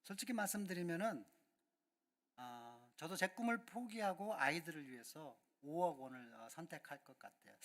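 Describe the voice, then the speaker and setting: A high-voiced man preaching a sermon. He talks earnestly and directly to the people in front of him. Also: fairly bright tone. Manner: earnest, addresses the congregation directly. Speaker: pastor.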